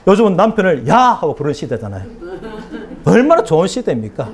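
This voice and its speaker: Male preacher, slightly high voice with a very animated pitch range; conversational sermon delivery with acted mini-dialogues. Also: fast. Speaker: pastor. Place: church hall with congregation.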